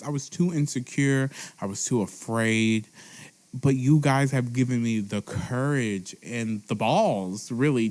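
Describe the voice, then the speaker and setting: Young male podcaster, slightly drunk, sincere solo talk, mid-range pitch. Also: darkish tone. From Texas. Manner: earnest, heartfelt, repeats phrases. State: tipsy. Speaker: podcast host. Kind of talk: emotional solo monologue. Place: seated at a table at home.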